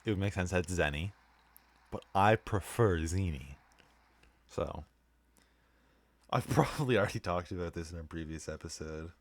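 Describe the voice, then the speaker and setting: A man's voice: deep voice, fairly quick, no room sound. A young man rambling casually with lots of fillers while commenting on his gameplay as a let's play host. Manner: rambling, laid-back, many fillers.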